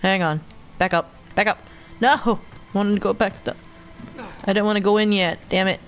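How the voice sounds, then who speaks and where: A woman's voice: mid-range voice, normal speed. A woman streaming a video game, rambling casually between gameplay and swearing freely. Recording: voice over game music.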